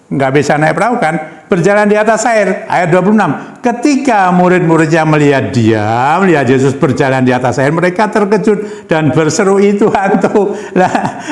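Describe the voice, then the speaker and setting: A man with a fairly high voice delivers a sermon, moving between scripture reading and emphatic commentary. He keeps calling on his listeners directly and asking them questions. The recording carries the echoey sound of a church hall. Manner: addresses the congregation as "Saudara" and asks rhetorical questions; reads verses aloud, then comments in an emphatic, conversational way. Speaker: preacher.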